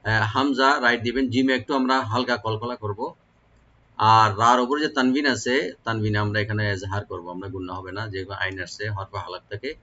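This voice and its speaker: A man teaching the rules of Quran recitation, explaining each sound slowly and then chanting the verse in a long, melodic style. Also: on the low side, fairly even intonation, sharp tone, highs cut off. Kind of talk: tajweed lesson with recitation.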